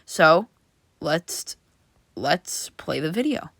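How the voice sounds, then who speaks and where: A woman's voice: low voice, very animated, drawn-out words, over loud music. A woman casually reviewing Halloween props, chatty and enthusiastic with lots of fillers. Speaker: prop reviewer.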